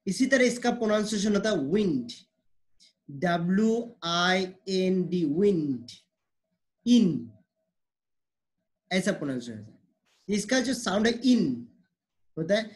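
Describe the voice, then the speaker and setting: A man teaching English pronunciation, explaining slowly and repeating words, mixing with English phrases. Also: high voice, sing-song. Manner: slow, repetitive explaining, mixing Hindi and English.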